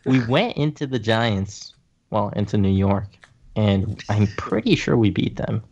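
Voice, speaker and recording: A man's voice: on the low side, animated, takes it slowly, a little mellow, dull audio. A man co-hosting a casual podcast, giving blunt and emphatic opinions. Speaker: podcast co-host. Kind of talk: casual chat.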